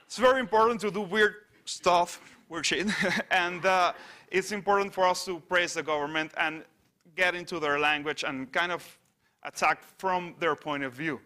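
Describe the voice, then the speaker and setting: A man from Venezuela, giving a wry, halting conference talk with many restarts. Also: high-pitched, pushed and bright. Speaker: conference speaker on satire news site. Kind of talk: conference presentation. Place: conference stage.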